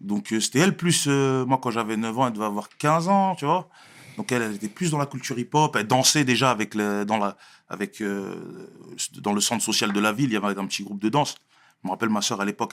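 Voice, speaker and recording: Man, Marseille accent, young adult, slangy casual chat, laughs a lot. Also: fairly low pitch. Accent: Marseille French. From Marseille, France. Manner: relaxed street slang, laughs often. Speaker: interviewee, rapper.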